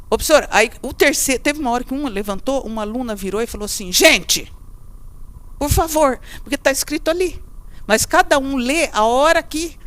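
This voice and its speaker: A middle-aged woman with a Brazilian accent giving a lively lecture, chatty and quizzing her class as she goes. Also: high voice. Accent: Brazilian Portuguese. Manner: chatty, asks the class questions, acts out students. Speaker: teacher.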